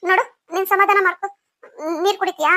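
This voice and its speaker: A woman's voice: extremely high pitch, flat delivery, quick pace, pushed and bright, no echo, studio quality. A woman voicing a caring elder sister in a cartoon story, coaxing and reassuring. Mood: soothing. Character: caring older sister, soothing and firm.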